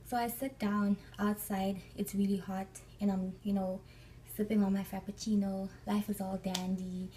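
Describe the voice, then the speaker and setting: A woman's voice: medium pitch, flat delivery, moderate pace, dark tone, far from the mic, a little hiss or hum, low-quality recording. A young woman from Africa, chatting through a storytime vlog and acting out the people she quotes. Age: young adult. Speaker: vlogger.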